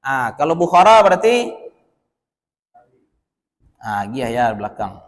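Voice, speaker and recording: A man from West Sumatra with a Minangkabau accent gives a lively religious lecture to a live audience. He quizzes the listeners and slips into his local dialect for jokes. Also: medium pitch, slow pace. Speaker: religious teacher. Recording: long reverb of a large hall.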